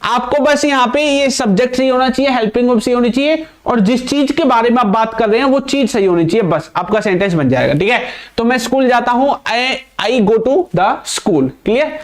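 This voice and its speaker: A man's voice: very high-pitched, fast, hardly any pauses. A young man teaching an English grammar lesson, quizzing the viewer with repeated questions and answering them himself, speaking English words. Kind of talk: classroom-style grammar lesson.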